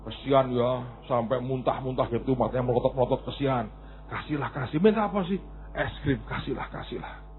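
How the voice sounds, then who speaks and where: A man voicing a soft-hearted, indulgent mother who pities her child, speaking in a hushed, pleading way. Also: high-pitched, very fast, hardly any pauses, a little hiss or hum, close to an everyday voice. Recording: tinny phone-like recording.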